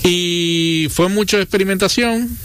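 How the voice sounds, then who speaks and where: A man's voice: high voice, measured pace, a bit bright, clear, resonant tone. A middle-aged man from Nicaragua, a guest chatting casually in an interview, rambling with many fillers and restarts. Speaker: guest, venue co-founder.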